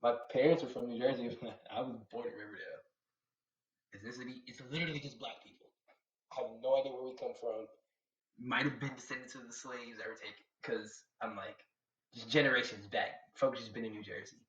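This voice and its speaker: He talks fairly quickly at a medium pitch, his intonation fairly even and his tone a bit bright. This young man from Atlanta reacts to manga on a live stream, rambling in slang and replying to chat. Slight background noise sits over a roomy, slightly dull home recording.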